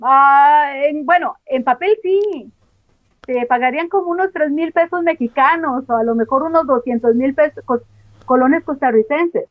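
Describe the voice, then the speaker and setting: This interview guest, a former member, talks at a moderate pace in a high voice, offering frank and emphatic testimony over a video call. She laughs off the sensitive points. The call audio sounds dull and dry, with no echo.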